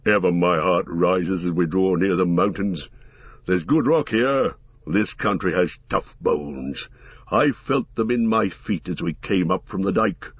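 A man voicing a gruff, stout male dwarf warrior who speaks deep, slow and booming. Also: dry recording, highs cut off. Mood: proud.

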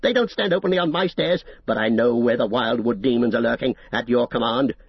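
A man voicing a proud, scornful old male wizard whose voice is shrill and cold, mocking as he speaks. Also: a little fast, husky, no room sound, muffled recording. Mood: sneering. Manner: mocking, sneering. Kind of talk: audiobook character reading.

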